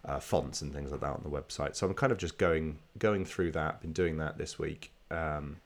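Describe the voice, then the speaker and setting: Man, very deep voice, nasal and stuffy with a cold, casual podcast host. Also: normal speed. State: slight cold.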